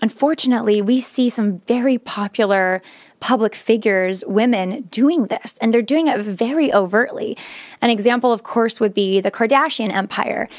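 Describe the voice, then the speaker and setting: A woman's voice: on the high side, moderate pace, no room sound. A woman speaking earnestly, now and then restarting with fillers. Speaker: speaker sharing her views. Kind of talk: earnest monologue.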